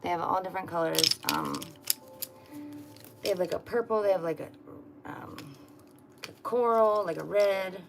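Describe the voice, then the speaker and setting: A woman's voice: on the low side, normal speed, vocal fry, pauses often, music in the background. A young adult woman rambling frankly in a casual vlog at home, full of fillers and frustration. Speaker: vlogger.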